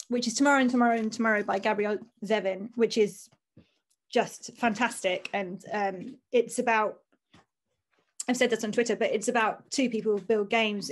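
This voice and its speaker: Fairly high-voiced woman author chatting on a video call from home, laughs a lot. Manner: chatty, self-deprecating, laughs often. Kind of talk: casual video-call conversation. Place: home room with bookshelves.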